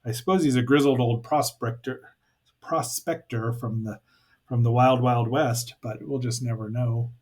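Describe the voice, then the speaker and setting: A man's voice: mid-range voice, steady tone, unhurried, darkish tone. A man hosting a podcast, giving a casual recap and commentary with wry, hesitant asides. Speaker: podcast host.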